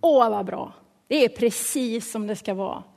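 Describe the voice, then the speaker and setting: A woman voicing a humble male prophet, speaking low, hushed and slow in a sermon. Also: steady tone, in a large hall, lightly acted. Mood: calm.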